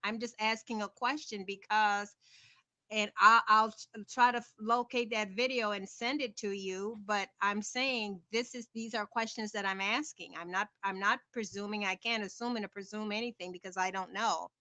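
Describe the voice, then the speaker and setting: Female caller, sharp bright tone, dry close sound, insistent, informal questioning. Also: medium pitch, fairly even intonation, moderate pace, no room sound. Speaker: panel caller.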